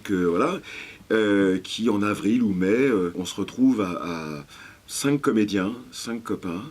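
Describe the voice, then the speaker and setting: Husky-voiced male voice actor, lively anecdotal interview guest who swears casually. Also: fairly low pitch, measured pace.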